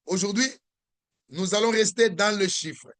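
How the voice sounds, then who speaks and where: Slow, patient man teaching on a call. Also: high-pitched, fairly bright tone, no echo. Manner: slow, patient, repeating words for learners. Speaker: language teacher. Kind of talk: online language lesson.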